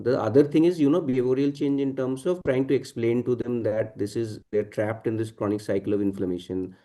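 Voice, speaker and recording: A man, a senior doctor, giving informal explanatory advice on a panel in a halting, thinking-aloud way. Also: fairly low pitch, dark tone.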